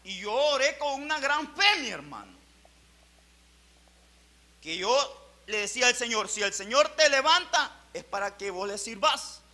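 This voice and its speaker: High, bright-voiced man preaching fervently. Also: expressive, measured pace, pauses often. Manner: fervent preaching with swelling and dropping loudness. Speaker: pastor. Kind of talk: sermon.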